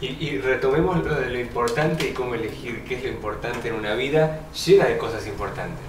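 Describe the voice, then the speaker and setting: A man interviews his guest in an easy, conversational way, often chiming in with short encouraging remarks. His voice has a middling pitch. It sounds echoey and far from the mic, with constant noise underneath. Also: fairly quick. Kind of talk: interview questions. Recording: roomy, distant mic, noisy.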